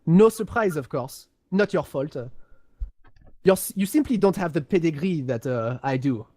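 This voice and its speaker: In an amateur role-play of game lore, a man voices a pompous, condescending highborn aristocrat of a galactic empire, speaking haltingly and haughtily. His voice is expressive and darkish, and the recording is dry.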